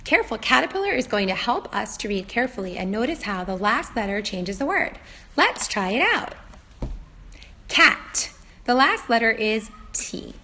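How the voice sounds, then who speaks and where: A woman teaches an early reading lesson in a bright, fairly high voice. She talks as if reading to a small child, in simple, deliberate phrases with a very animated melody. Letters and words are sounded out with care. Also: slight background noise.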